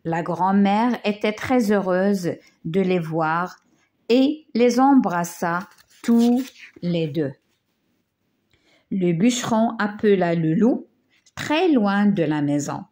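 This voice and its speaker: Slow French woman reading a tale. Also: medium pitch, animated, a little mellow. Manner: slow, careful reading with small slips. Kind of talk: reading a children's tale aloud.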